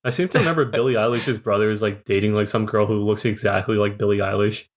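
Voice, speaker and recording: Lower-voiced young man musing loosely. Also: steady tone, fast. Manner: rambling, filler-heavy musing. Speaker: podcast co-host. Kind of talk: casual chat.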